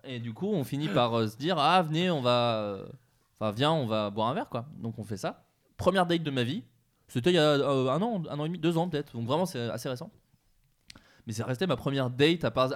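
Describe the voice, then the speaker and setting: A young man on a podcast, telling a dating anecdote in a rambling way with many fillers and restarts. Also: medium pitch. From France. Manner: rambling storyteller, many fillers and self-corrections. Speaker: podcast co-host. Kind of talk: casual group chat, telling an anecdote.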